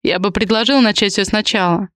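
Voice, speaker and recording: A woman's voice: mid-range voice, brisk, fairly bright tone, no echo, clean studio sound, natural voice. A woman reading an audiobook, voicing a protective, possessive young man in clipped, blunt lines. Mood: gruff.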